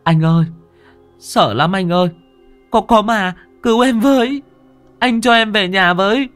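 Terrified little child, played by a man: shrill sobbing pleas in a horror audiobook. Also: a little slow, fairly bright tone, soft background music. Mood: pleading.

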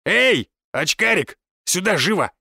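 A man's voice: fairly high pitch, lively intonation, moderate pace, creaky, a bit bright, dry recording, clean studio sound. A man voicing a brutal, bullying bald thug who growls coarse threats. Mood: snarling.

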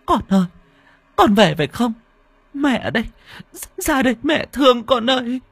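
A man voicing a grief-stricken young village mother who calls for her dead son in a high, wailing falsetto. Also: sing-song, moderate pace, a bit bright, slightly rough, no room sound, heavily acted. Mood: wailing, desperate.

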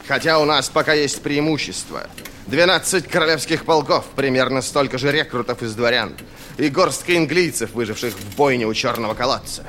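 A man's voice: mid-range voice, brisk, sharp tone, a little hiss or hum, close to an everyday voice. A man voicing a stern, curt older army commander in an audiobook, speaking bluntly and with authority. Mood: commanding.

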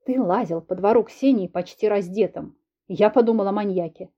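A woman's voice: medium pitch, moderate pace, mellow, husky. Woman reading a blunt village guy, plain-spoken, suspicious, lo-fi audiobook sound. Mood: accusing.

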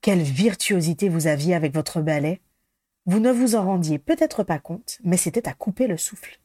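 A woman's voice: fairly low pitch, normal speed, warm tone, lightly acted. A woman reading an eager polite ministry man. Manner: polite and enthusiastic. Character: courteous male ministry official, eager.

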